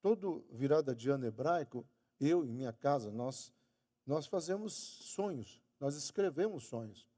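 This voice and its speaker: A man's voice: lively intonation, measured pace, warm tone. A man preaching a sermon with a Brazilian Portuguese accent, emphatic and stretching key words for weight. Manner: emphatic, stretching key words and raising pitch on quoted lines. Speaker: pastor. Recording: long church hall reverb.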